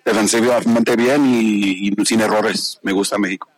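A man from Texas answers a street interview outdoors. His voice is low and flat, and it is recorded dry. He keeps his answers short. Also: measured pace, no room sound, low-quality recording. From Texas, United States. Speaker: football fan in street interview. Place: outdoors on a busy avenue.

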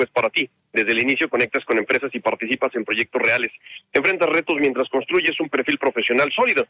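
A man reporting live from a city street, speaking in a measured, conversational way to the anchor. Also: on the high side, sharp tone, dry recording, rough recording. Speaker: field reporter.

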